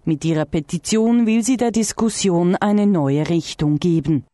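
Low-voiced woman reporting news. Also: a little slow, dark tone, dry recording. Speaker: radio reporter.

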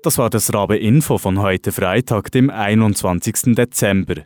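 A man hosting a radio show and signing off in a relaxed, friendly way. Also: lowish voice, normal speed, no room sound, studio quality, soft background music. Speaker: radio host. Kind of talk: radio sign-off.

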